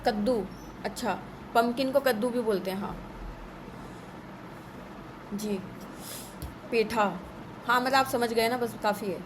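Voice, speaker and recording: A woman runs through lists at a brisk pace while teaching an astrology class in a live online session, sounding a little scolding. Her voice is a little high, and there is background noise.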